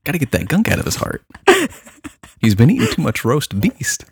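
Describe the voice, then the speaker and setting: A man co-hosting a podcast, bursting in with excitable enthusiasm in casual chat. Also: medium pitch, moderate pace, gravelly, slightly rough. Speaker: podcast co-host.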